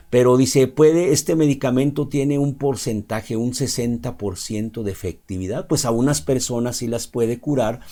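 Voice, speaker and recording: A slightly mellow, medium-pitched man from Mexico preaches an unscripted sermon in a relaxed, chatty style. He regularly checks on his audience with "¿verdad?" and pauses using "este."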